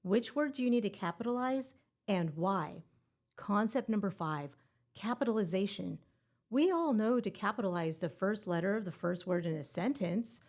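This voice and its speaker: A woman's voice: medium pitch, a little mellow. A woman hosting a scripted exam-prep podcast and teaching grammar in a playful, upbeat way with puns.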